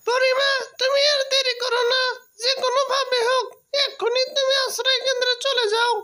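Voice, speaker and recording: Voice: very high voice, level tone, brisk, sharp tone. A performer voicing an anxious, caring young fox in a cartoon, speaking earnestly and urgently. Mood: worried, urging. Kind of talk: cartoon voice acting.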